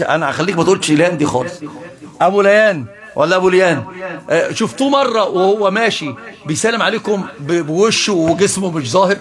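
A man's voice: high voice, fairly bright tone. A man with an Egyptian Arabic accent giving a heated religious lecture, mocking opponents with rhetorical questions. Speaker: Islamic preacher.

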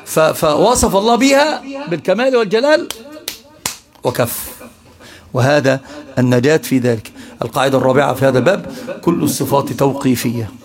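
A man's voice: mid-range voice, animated, fairly quick, long pauses. A man with an Egyptian Arabic accent, a sheikh teaching a religious study lesson and quizzing his listeners with rhetorical questions. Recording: live class with audience noise.

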